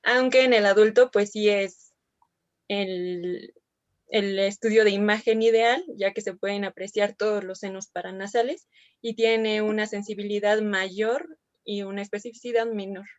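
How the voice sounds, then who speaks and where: A woman answers a question in a medical class, working through her points carefully and in order. Her voice comes through dry and dull, like low-fidelity call audio. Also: fairly even intonation, a little slow, no room sound. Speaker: medical student.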